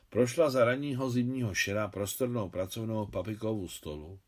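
A man reads a novel aloud as an audiobook narrator. His voice sits somewhat low and his delivery stays steady and even. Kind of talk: scripted narration.

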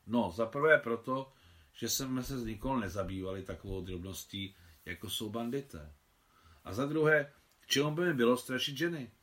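A man's voice: medium pitch, animated, a bit bright, close to an everyday voice. A man voicing a bold young Russian countess.

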